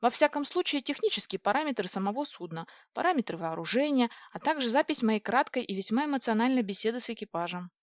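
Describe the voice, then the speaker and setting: A woman reading the part of a giant male alien who speaks softly and formally, in a dull, dry audiobook recording. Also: fairly high pitch, expressive, quick pace, few pauses, no room sound, close to an everyday voice. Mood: gentle, courteous. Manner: soft, polite, formal.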